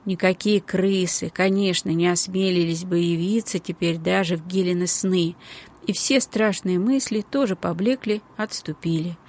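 A woman narrating a children's book audiobook in a calm, even storytelling manner. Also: lowish voice, normal speed. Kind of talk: scripted narration.

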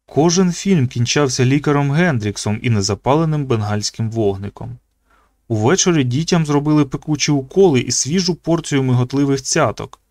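Man, audiobook narration, measured, even, mid-pitched, close mic, dry. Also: no room sound. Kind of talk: scripted narration.

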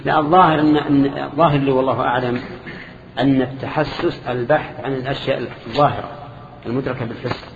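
An older man explains a text slowly to a circle of students. He sounds roomy, with a long hall reverb. The recording is dull, old-tape lo-fi, with a light hiss behind him. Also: medium pitch, steady tone, vocal fry. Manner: measured explanations with questions to the class. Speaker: sheikh teaching a hadith lesson. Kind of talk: classical lesson commentary with students.

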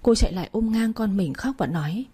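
A woman narrating a novel as an audiobook reader, in an even storytelling manner. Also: mid-range voice, fairly quick, slightly rough. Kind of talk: novel reading.

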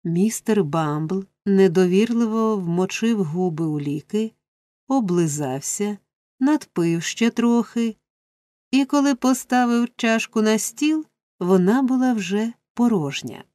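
A woman reads a classic novel aloud in a measured, even storybook narration. Her pace is slow and unhurried and her tone is mellow and soft. The sound is dry and close to the microphone. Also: medium pitch, no echo. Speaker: audiobook narrator.

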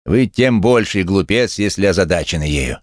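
A man's voice: low voice, expressive, normal speed, no echo, clean studio sound, pitched above the performer's own voice. A man voicing a sneering one-legged male cynic who speaks with mocking contempt. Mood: scornful.

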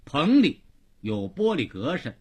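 A man with a Beijing accent telling a long story for radio in a dramatic, expressive narrating style. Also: a little high, a little slow, breathy edge.

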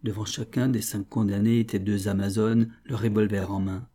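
A man reading a novella as scripted narration, measured and solemn. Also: lowish voice, level tone, dark tone. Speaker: audiobook reader.

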